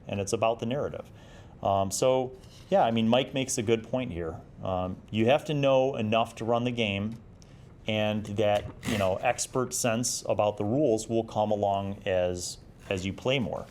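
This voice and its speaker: Fairly low and darkish in tone, this fortysomething man's voice moves at a moderate pace over slight background noise. As host of a tabletop RPG review show, he reads magazine excerpts and offers commentary and advice in a chatty, explanatory, encouraging way.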